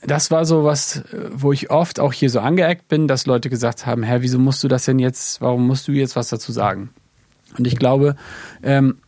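A man from Germany chats casually about worship music in a podcast conversation, thinking aloud reflectively with many fillers. His mellow, mid-range voice keeps a steady tone at normal speed, recorded in clean studio sound without room noise.

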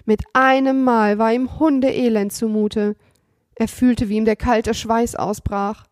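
A woman reads a children's storybook aloud with lively expression. Her voice sits fairly high, and the recording is dry and close. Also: unhurried, no room sound. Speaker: narrator.

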